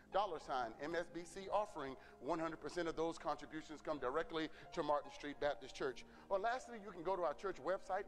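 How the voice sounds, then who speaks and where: A middle-aged pastor gives the church announcements, his voice sitting fairly high for a man. He speaks earnestly, repeating words and calling out "Amen?" to the congregation. A long reverb trails behind each phrase.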